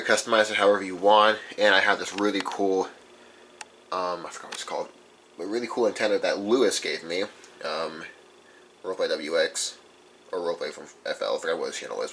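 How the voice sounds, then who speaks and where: A radio collector gives a casual, unscripted show-and-tell of his collection, rambling informally and correcting himself along the way. His voice is low and fairly bright. The audio is poor, with faint background noise.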